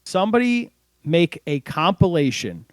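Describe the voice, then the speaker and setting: A man co-hosting a casual sports podcast, telling stories in a lively way and laughing as he goes, close to the mic. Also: on the high side, moderate pace, clear, resonant tone, no room sound. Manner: animated storyteller, laughs while telling. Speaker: podcast co-host.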